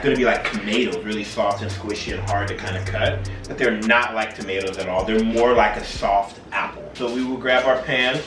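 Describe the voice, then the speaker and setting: A man talks through a home cooking demo in a tipsy, loose and rambling way. He sits at an ordinary male pitch and chats casually as the host. The room echoes around him, the mic is some way off, and music plays clearly behind. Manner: tipsy, loose and rambling, drinking shots as he cooks. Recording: roomy echo, distant mic, music behind.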